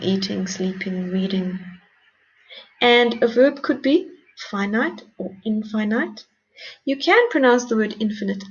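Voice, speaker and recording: Patient woman teacher, gravelly voice. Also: medium pitch. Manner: patient, encouraging, explains step by step. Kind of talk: recorded grammar lesson. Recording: dull lo-fi recording.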